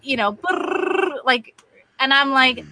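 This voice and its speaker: A woman telling a spiritual story in casual chat, animated and quoting voices as she goes. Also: sits high, takes it slowly, very noisy. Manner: animated, quotes voices, laughs easily. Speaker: guest sharing testimony.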